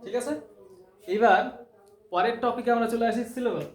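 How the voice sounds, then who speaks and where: A man's voice: very high voice, normal speed. A man teaching English grammar, explaining terms step by step, repeating key words and asking rhetorical questions. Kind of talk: classroom-style explanation. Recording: echoey room with faint noise.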